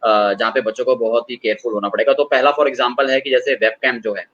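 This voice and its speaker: A man explaining online assessment tools as a guest, in a measured and hesitant way, calling the host sir. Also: mid-range voice, fairly even intonation, a bit bright, dull audio. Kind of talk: conversational explanation.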